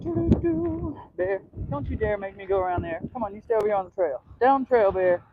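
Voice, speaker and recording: A man's voice: sits high, fast, narrow, tinny audio. A man hosting a casual live vlog outdoors on a windy trail, chatting to viewers and scolding his dog as he walks. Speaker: livestream host. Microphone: mic with a wind cover, handheld while walking. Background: wind noise.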